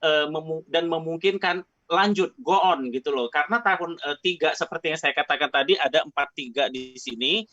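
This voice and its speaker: A man with a somewhat high, brisk, sharp-toned voice speaks as a guest expert answering questions, chatty and casual, often ending phrases with an offhand tag. He comes through a remote call mic on an online line that drops out, and the audio is dull and dry.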